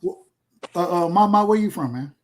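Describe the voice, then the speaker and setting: A man's voice: sits high, animated, moderate pace. A man, rambling and boasting in casual podcast chat. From Georgia, USA. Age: 30s. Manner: laid-back, boastful, rambling with repeats. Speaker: podcast host.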